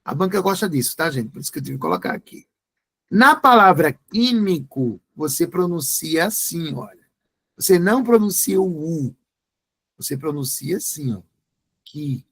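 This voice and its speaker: A man's voice: fairly high pitch, big pitch swings, moderate pace, fairly bright tone. A man teaching an exam-prep grammar lesson, spelling words out letter by letter.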